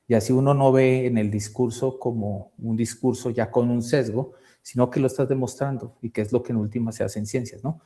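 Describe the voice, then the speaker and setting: A man from Colombia offers critical feedback on a student's project over a video call. His voice is very dark and mellow, and he stumbles through restarts and repeated words as he searches for his point. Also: mid-range voice, steady tone, a little fast, few pauses. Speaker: thesis committee member. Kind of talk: academic feedback.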